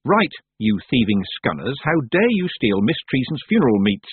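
A man voices a young witch girl from a storybook, stern and forthright. She speaks in a scolding, matter-of-fact way with lively pitch. The recording is thin and band-limited. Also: normal speed, breathy edge, dry recording, narrow, tinny audio. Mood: stern, indignant.

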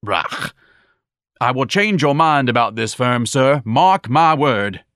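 A man's voice: medium pitch, lively intonation, slow pace, fairly bright tone, no room sound, clean studio sound, pitched above the performer's own voice. A man reading an audiobook, voicing a pompous, fussy grown man who lectures everyone in a didactic, self-important way. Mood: grandiose.

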